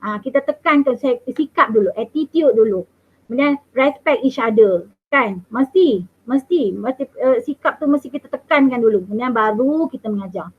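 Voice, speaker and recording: Firm, emphatic Malaysian schoolteacher in her fifties, fairly high voice, tinny call audio. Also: lively intonation, normal speed, husky. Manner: firm, emphatic teacher, checks in with "boleh?". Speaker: mathematics teacher. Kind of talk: recorded interview answers.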